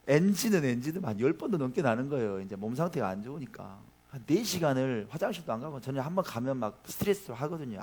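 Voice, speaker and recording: Chatty Korean pastor preaching. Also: male voice, medium pitch. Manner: chatty, addresses the congregation directly with questions; tells personal anecdotes in a lively, informal way. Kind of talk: conversational sermon. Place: church sanctuary.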